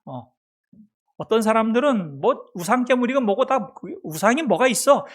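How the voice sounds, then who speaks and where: A man preaching a sermon as pastor of a church, asking the congregation questions and answering them himself. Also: high voice. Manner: acts out a mother's soft baby talk. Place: church sanctuary.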